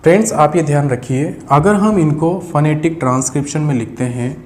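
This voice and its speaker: A man's voice: on the high side, fairly quick, a little mellow. A man teaching English phonetics, patiently repeating key sounds and addressing viewers as friends. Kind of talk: explaining a lesson at a board.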